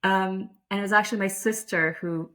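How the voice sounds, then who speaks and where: In a casual interview, a lacrosse umpire from the Netherlands talks in a medium-pitched, fairly bright voice with a steady tone at normal speed. She comes across as thoughtful and self-deprecating, frequently using fillers and starting over.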